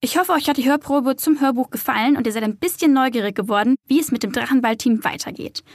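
A woman hosting a podcast, addressing listeners directly in a quick outro. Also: high-pitched, dry recording, studio quality. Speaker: podcast host.

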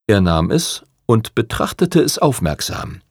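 A man reading a novel aloud in measured scripted narration. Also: fairly low pitch, big pitch swings, slightly rough, dry recording, clean studio sound. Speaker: audiobook narrator.

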